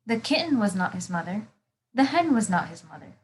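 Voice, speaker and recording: A woman volunteer narrating a children's storybook in simple, deliberate phrases. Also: mid-range voice, very animated.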